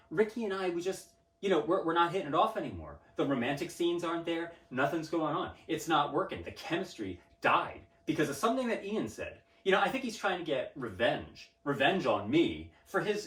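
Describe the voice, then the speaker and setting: A man's voice: fairly high pitch, big pitch swings, fairly quick, few pauses, fairly bright tone. Pompous man ranting in a roomy space. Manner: pompous, self-aggrandizing, stammering restarts. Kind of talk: mock-serious interview rant. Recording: roomy sound from a distant mic.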